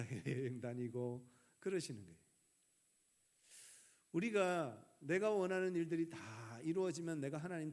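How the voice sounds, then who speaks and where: A middle-aged man, a pastor, preaching a sermon with dramatic pauses and rhetorical questions. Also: medium pitch, darkish tone. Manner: acts out prayers and dialogue in a raised voice.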